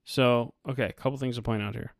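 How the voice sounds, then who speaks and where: A man's voice: mid-range voice, fairly even intonation, creaky, dry recording. Easygoing man chatting on a dry podcast mic. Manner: easygoing, chatty, quick to add asides. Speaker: podcast co-host. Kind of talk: casual movie-commentary chat.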